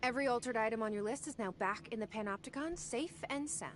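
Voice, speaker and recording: An actress playing a calm female agent in video game dialogue, level and matter-of-fact. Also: a little high, fast talker, noisy background, natural voice.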